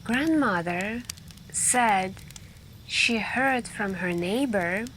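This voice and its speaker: Over a constant backdrop of crackling campfire and nighttime ambience, an ASMR roleplayer acting as a friend tells scary stories. Her mid-range voice is soft and intimate, broken by pauses and moments of whispering.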